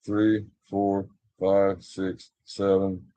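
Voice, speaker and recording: A man's voice: deep voice, completely flat delivery, very slow, mellow, no room sound. An older man, chatting casually on a livestream and telling rambling stories with chuckles. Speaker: vlogger.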